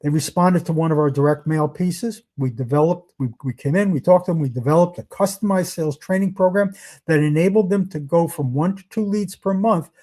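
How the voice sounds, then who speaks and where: A male sales trainer presenting a workshop. His voice sits a little high but sounds dark and mellow. He talks conversationally and drives points home with rhetorical questions.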